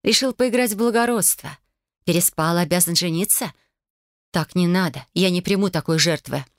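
A woman's voice: on the low side, normal speed, no echo, studio quality, lightly acted. A woman voicing an impulsive, indignant young female student, exclaiming in a flustered way. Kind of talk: audiobook character voice.

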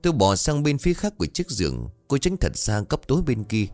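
A man narrating a ghost story, voicing the characters himself with a raised pitch. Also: wildly swooping pitch, brisk, darkish tone. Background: faint music.

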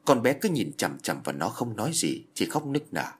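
A man narrating a ghost story with a husky, fairly low voice. His pitch moves a lot as he tells it, steady yet dramatic. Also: normal speed.

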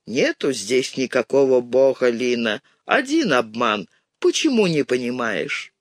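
A man's voice: mid-range voice, big pitch swings, a little slow, no room sound, pitched below the performer's own voice. A man voicing a kind, worried man who speaks in simple, broken phrases and sighs over trouble. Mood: gently dismissive. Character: Malayka, kindly worried older man, broken speech.

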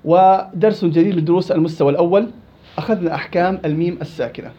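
A man teaching a Quran recitation class, quizzing his students by name in a lively way. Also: sits high, racing. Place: indoor study circle. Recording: dull lo-fi recording.

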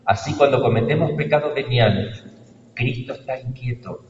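A priest from Argentina giving a sermon, preaching emphatically with sudden loud stresses and hushed asides. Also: male voice, mid-range voice, normal speed. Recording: distant roomy church recording, dull sound, faint noise.

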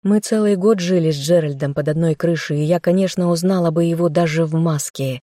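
A woman's voice: lowish voice, a little fast, dark tone, no room sound, studio quality. A woman narrating a fantasy novel in the first person, reading an audiobook.

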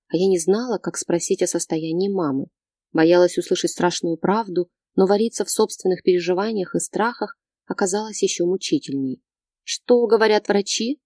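A woman narrating a novel in the first person in a steady, measured reading. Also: mid-range voice, dry recording, clean studio sound. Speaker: audiobook narrator.

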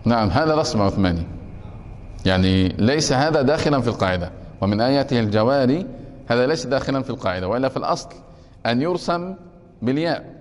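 A man's voice: medium pitch, animated, fast talker, big-room sound. A man teaching a class on grammar. He takes questions and keeps checking whether his students have understood. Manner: keeps asking the class if it is clear.

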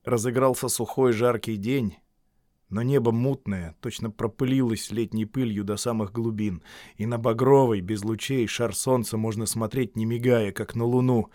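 A man narrating a literary story as an audiobook reader, in a measured, even storytelling manner. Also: mid-range voice, no echo, clean studio sound.

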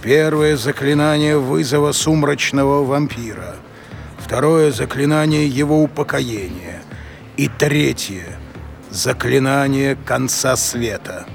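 A man playing an ancient, grave undead master in an audio drama, speaking in a measured, ominous way. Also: mid-range voice, vocal fry, soft background music.

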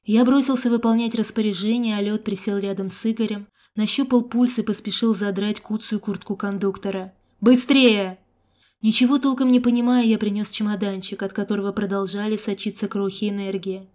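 Mellow-voiced woman audiobook narrator. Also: medium pitch, steady tone, brisk, few pauses. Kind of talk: first-person audiobook narration.

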